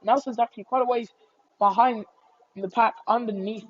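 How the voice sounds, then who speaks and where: High-pitched woman motorsport commentator, lo-fi sound. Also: steady tone, normal speed, no echo. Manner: motorsport commentator calling action, voice rising on incidents. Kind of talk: live race commentary. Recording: dull lo-fi microphone.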